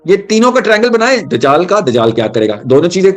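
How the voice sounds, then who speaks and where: A man's voice: high voice, faint music behind. A man giving a religious talk, telling stories with energy and mixing English terms into his speech. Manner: animated storytelling, mixing English terms into Urdu. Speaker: Islamic speaker.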